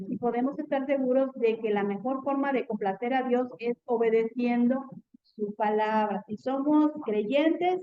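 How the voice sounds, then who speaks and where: A woman's voice: fairly high pitch, highs cut off. A woman teaching a Bible class in an earnest tone, often checking in with her students.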